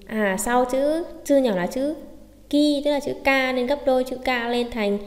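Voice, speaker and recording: A woman's voice: sits high, a little slow, a little mellow. Woman, language teacher, lesson explanation, asks and answers her own questions, reverberant room. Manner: asks questions then answers them herself. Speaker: Japanese teacher.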